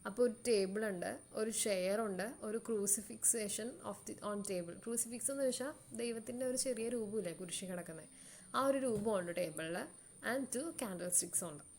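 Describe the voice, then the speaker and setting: Speaking in a medium pitch with a somewhat dark tone, this Malayali-accented woman teaches an English lesson. She repeats words at a slow pace to help her students follow along.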